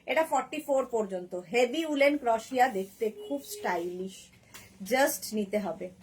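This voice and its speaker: A woman's voice: fairly high pitch, lively intonation, measured pace, darkish tone, slightly rough, rough recording. A woman hosting a casual live-selling stream, rattling off sizes and prices and joking about viewers' comments. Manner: chatty, rattles off sizes and prices, reads comments aloud with teasing jokes. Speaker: boutique live-sale host.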